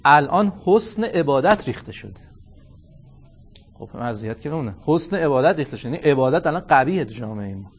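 Animated man giving a religious lecture. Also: fairly high pitch, breathy edge, soft background music. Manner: animated, storytelling with reenacted dialogue and Arabic quotations. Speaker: cleric lecturer.

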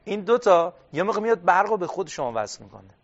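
A man with a fairly high voice giving a religious studies lecture on a dull, lo-fi recording. He reads Arabic text aloud, then rephrases it plainly. He asks his listeners questions and answers them himself. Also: big pitch swings. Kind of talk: classroom lecture on Quranic exegesis.

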